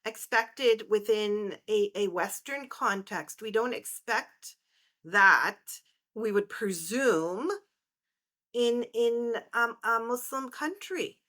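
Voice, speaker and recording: A middle-aged woman hosting a podcast interview, speaking in a measured, reflective way. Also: on the high side, a bit bright. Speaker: podcast host.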